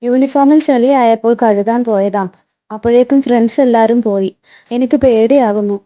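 A woman voicing a scared little schoolgirl who speaks in halting sobs. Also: on the high side, warm tone, lo-fi sound, natural voice. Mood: tearful. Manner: sobbing, halting.

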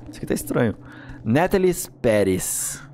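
A man's voice: mid-range voice, very animated, normal speed, a little mellow, slight background noise. A man with a Brazilian accent giving casual, slangy let's-play commentary as a gaming host, reacting and swearing as he goes.

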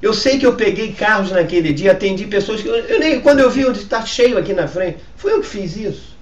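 A Brazilian-accented male pastor with a notably high voice teaches his congregation live, trading loud exclamations for hushed storytelling. The sound is roomy and set back from the mic, as in a church hall. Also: lively intonation, fairly quick, distant mic, muffled recording, slight background noise. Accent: Brazilian Portuguese.

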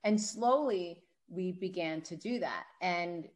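A woman guest on a podcast, telling stories in an animated, chatty way full of "like" and "you know". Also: lowish voice, slow. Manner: animated storyteller, heavy use of "like" and "you know". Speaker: guest author. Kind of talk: casual podcast conversation.

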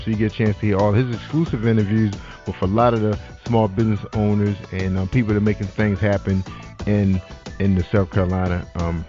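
A man hosting a casual online radio talk show, animated, with lots of shout-outs and "that's right". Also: fairly low pitch. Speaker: podcast host. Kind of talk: casual internet radio chat. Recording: dull lo-fi sound with faint music.

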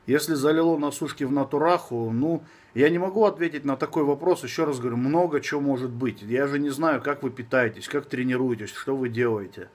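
A man's voice: mid-range voice, a little fast, hardly any pauses. A man in his thirties with a slushy, lisping s from braces, chatting casually and bluntly as a fitness coach answering viewers on a live stream. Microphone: phone at arm's length.

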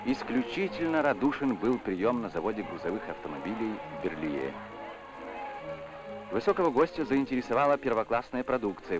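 A man's voice: on the low side, poor audio. A man narrating a 1960s newsreel with a formal, declamatory announcer delivery, old newsreel sound. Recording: narration over loud music.

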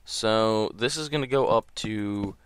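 Sleepy guy narrating his game, kinda low voice, rambly and full of ums. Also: unhurried, slight background noise. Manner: rambling, hesitant, full of ums and trailing thoughts. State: groggy early-morning voice. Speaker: gameplay commentator. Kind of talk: casual gameplay commentary.

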